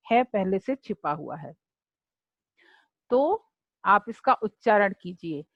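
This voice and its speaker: A woman teacher explaining a lesson slowly and deliberately, repeating words for her students to say along with her. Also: a little high, no echo, lo-fi sound. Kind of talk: slow classroom explanation.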